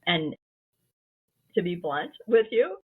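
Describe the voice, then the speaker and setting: A woman's voice: on the low side, big pitch swings, slow, husky. A woman podcast host and coach, speaking in an affirming, encouraging way in a casual interview. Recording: tinny phone-like line.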